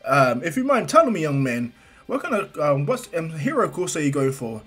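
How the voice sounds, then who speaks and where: A man's voice: a little high, big pitch swings, normal speed, a bit bright, breathy edge, soft background music, full character voice. A man voicing All Might, a hearty, avuncular, grand heroic man who is a symbol of peace, in an amateur story retelling. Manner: hearty, avuncular, addresses listener as young man or kid.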